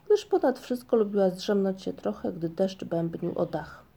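Gravelly dark-voiced woman reading a children's story. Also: medium pitch. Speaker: audiobook narrator. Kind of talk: calm storybook narration.

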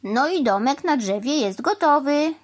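A woman voicing a cheerful, stubborn mother cow in a children's story, answering calmly and matter-of-factly. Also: sits high, a little slow, voice pushed up. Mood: unbothered. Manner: calm, matter-of-fact, unbothered. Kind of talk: storybook reading.

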